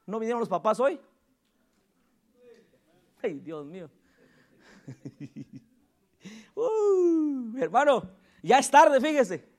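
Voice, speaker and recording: A man preaching a lively church sermon as pastor. He calls on the congregation to repeat his words and chuckles often as he jokes with them. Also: very high voice, very slow, long pauses. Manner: calls on the congregation to repeat after him and respond. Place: church service.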